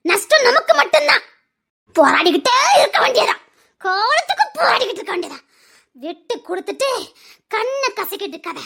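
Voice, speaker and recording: A woman's voice: very high-pitched, vocal fry, a bit bright, exaggerated voice. An actress playing a bitter, abandoned middle-aged wife who lectures emphatically and repeats her warnings, in serial drama style. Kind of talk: Tamil serial drama acting.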